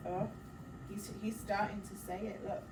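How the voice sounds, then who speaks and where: A slightly slow, mid-range female voice belongs to a teacher reading a picture book aloud to children. She reads expressively, gasping dramatically and interrupting herself with encouraging prompts, questions and asides. Background noise is clear in this roomy, distant-mic recording.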